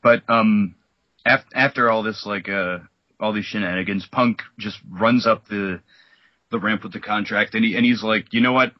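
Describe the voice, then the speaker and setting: Male podcast co-host, low husky voice, rambling casual delivery, dry muffled recording. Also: fairly even intonation, moderate pace, no echo. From New York. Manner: rambling, full of "like" and restarts. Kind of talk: casual chat recapping wrestling.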